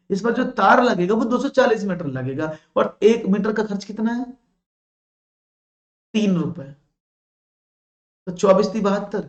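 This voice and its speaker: A male maths teacher from India leading a live online exam-prep class, praising answers and explaining each step patiently. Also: high-pitched. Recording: roomy, dull lo-fi sound.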